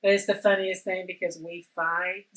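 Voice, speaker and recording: A woman, hosting a talk show and chatting casually, telling animated family stories and mimicking her relatives. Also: on the low side, moderate pace, recorded from a distance, poor audio. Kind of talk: casual chat.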